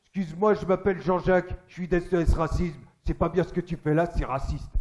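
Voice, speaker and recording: Brief: officious, self-righteous activist, slightly raised pitch, as a comedian puts him on. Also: male voice, steady tone, a little fast, natural voice. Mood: prim. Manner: prim and officious, turning to shouting. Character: self-righteous male activist, prim then raging.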